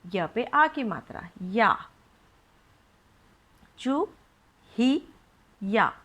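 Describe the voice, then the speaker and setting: A woman's voice: a little high, big pitch swings, very slow, a bit bright. A woman teaching young children to read, spelling words out syllable by syllable with patient questions. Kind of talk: children's phonics lesson.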